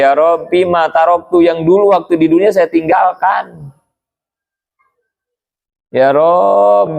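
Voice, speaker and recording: A man delivers an Islamic study lecture. His voice sits a little high, and his delivery is casual and conversational. He slips into pleading, dramatized voices when telling a story. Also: vocal fry, darkish tone. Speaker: religious teacher.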